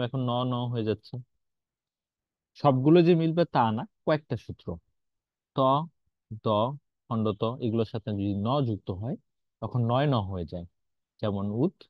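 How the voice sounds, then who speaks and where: A male teacher of middling pitch leads an online class, explaining step by step and putting questions to his students. The sound is dry and a little dull, like a computer mic on a video call. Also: no room sound. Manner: explains patiently, asks students questions, mixes in English words.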